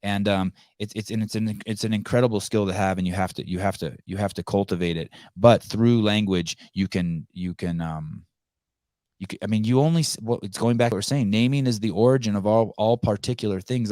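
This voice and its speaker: Fairly quick and a little mellow, this low-sided male voice belongs to a native Armenian speaker hosting a casual podcast from his California home. He rambles, restarts often, and swears bluntly; the sound is clean studio audio with no echo.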